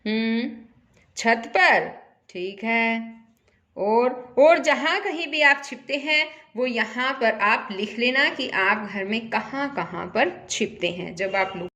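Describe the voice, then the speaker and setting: A woman teacher leads children through a primary-school lesson at an unhurried pace, repeating each example and regularly asking her pupils simple questions. Her voice sits a little high, with an expressive, bright, forceful tone.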